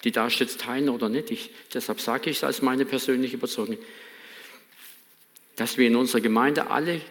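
This man's mid-range voice is steady, brisk and fairly bright as he preaches with earnest emphasis. He's a pastor with a light Baden German accent, recorded in a reverberant church hall.

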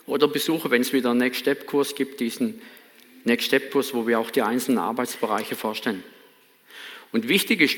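German pastor preaching in a reverberant hall. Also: male voice, mid-range voice. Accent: Baden German. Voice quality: earnest, emphatic preaching with repeated phrases. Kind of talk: sermon. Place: church hall.

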